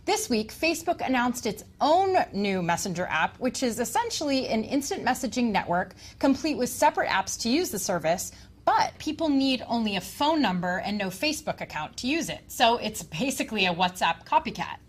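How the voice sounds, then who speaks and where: A woman's voice: fairly high pitch, big pitch swings, normal speed. A woman co-hosting a scripted tech rumor show with upbeat, confident banter.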